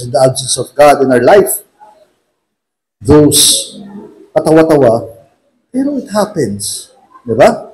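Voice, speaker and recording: A man with a Filipino accent giving a humorous church talk in a chapel, acting out shouting couples. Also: high voice, poor audio. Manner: jokey, acts out shouting couples. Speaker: lay preacher.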